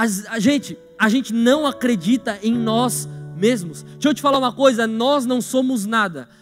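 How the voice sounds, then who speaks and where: A young adult man with a Brazilian Portuguese accent, preaching a lively sermon in church and often putting questions to the congregation. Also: very high voice. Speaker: pastor. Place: church hall.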